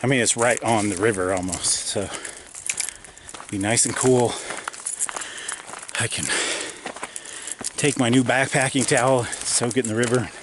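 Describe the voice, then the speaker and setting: A man's voice: mid-range voice, fairly even intonation, unhurried, long pauses, background noise. Chatty man vlogging on a hike. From Utah, USA. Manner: chatty, talks to the viewer while hiking. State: out of breath. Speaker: outdoor vlogger. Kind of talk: casual hiking vlog. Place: outdoors on a mountain trail.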